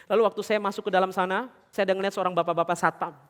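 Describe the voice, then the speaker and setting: Male pastor, middle-aged, sermon delivery; high register, roomy hall reverb, shifts between fervent and hushed. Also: fairly even intonation, very fast, clean tone. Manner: swings from loud, high preaching to quiet, confiding storytelling; addresses the congregation directly with questions. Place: large church hall. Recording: long church hall reverb.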